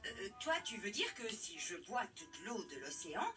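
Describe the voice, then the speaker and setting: A woman's voice: medium pitch, very animated, moderate pace, distant mic, music in the background, natural voice. A woman voicing a boastful, gullible sea dragon villain in a children's cartoon, gloating and theatrical. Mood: eager, gullible. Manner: gloating, theatrical, swooping exclamations. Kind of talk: French-language children's cartoon dubbing.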